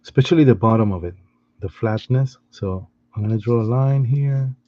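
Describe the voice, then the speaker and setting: A man giving a step-by-step drawing lesson in a patient, soft-spoken way, often restarting his sentences. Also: mid-range voice, moderate pace, lo-fi sound. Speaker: art teacher.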